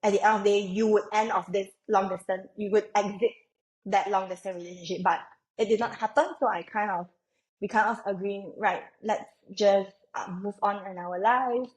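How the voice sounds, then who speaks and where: Heard on a rough recording, the young Malaysian woman has a mid-range voice with fairly even intonation and a normal speaking speed. As a guest on a podcast, she chats reflectively and loosely, rambling with frequent fillers in this casual interview.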